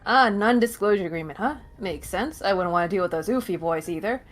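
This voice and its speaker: A woman plays a brash, money-minded fixer in a game story. Her medium-pitched delivery is flippant, slangy and cynical, with quiet music behind it. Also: animated, a little fast, lightly acted. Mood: wary, flippant. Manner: flippant, casual, foul-mouthed. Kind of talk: dramatic live read of game dialogue. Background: faint music.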